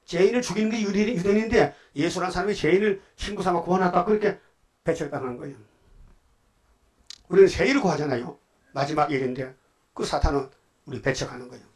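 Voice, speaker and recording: A male pastor giving a Sunday afternoon sermon, telling Bible stories in casual speech and prodding the congregation with quick questions. He swings between loud outbursts and quiet asides. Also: on the high side. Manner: colloquial storytelling preaching, prodding the congregation with "예?".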